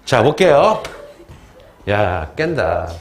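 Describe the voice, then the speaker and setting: Lively, joking male history teacher. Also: medium pitch, extremely slow, background noise. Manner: lively, joking, asks the class questions and answers them himself. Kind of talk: classroom lecture.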